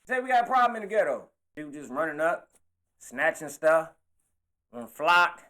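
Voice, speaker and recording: A man delivering an impassioned monologue to camera, animated and slangy, talking with his hands. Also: fairly high pitch, moderate pace. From California. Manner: animated, preachy, slangy street talk, gestures while talking. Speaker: political commentator.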